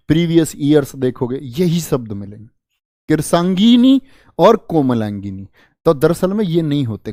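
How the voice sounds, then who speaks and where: High-voiced male Hindi teacher, dry sound. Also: a little mellow, dry recording. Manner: drills spellings with repeated questions; scolds students playfully. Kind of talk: online exam-prep lesson.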